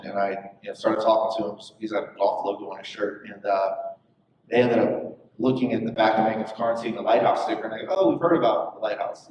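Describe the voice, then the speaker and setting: A man leading a church small group, sharing in a halting way full of fillers. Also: fairly low pitch, darkish tone, highs cut off, slight background noise. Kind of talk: casual testimony. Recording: echoey room from a distant mic.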